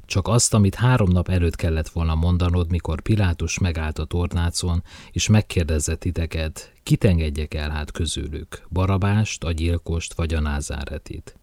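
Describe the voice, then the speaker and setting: A man voicing a gentle, merciful male teacher who speaks softly and slowly. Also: low-pitched, fairly even intonation, no room sound, natural voice. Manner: soft, slow, measured speech.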